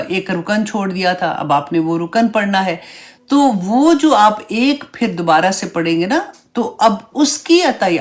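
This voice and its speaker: A woman teaching an online Islamic class in a conversational way. She often drops English words into her Urdu and checks in with her listeners. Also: medium pitch. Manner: checks in with listeners, "right?", "hai na?". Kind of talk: online religious class lecture.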